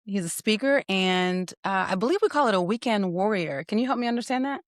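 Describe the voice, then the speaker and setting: This podcast host, a woman in her thirties, has a medium-pitched, expressive voice and a brisk delivery. The recording is dry with clean studio sound, and she jokes around and teases her guest, laughing a lot, before telling a story in this casual interview.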